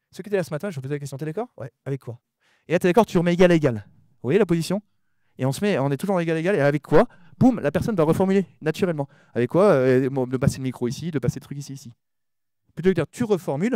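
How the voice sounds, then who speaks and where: Male conference speaker, rapid-fire and mumbly, mellow tone, dry close sound, lots of repeats and restarts. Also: on the high side, no echo. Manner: talks fast and mumbles his words; often repeats words and restarts sentences. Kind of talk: lively conference talk addressing the audience.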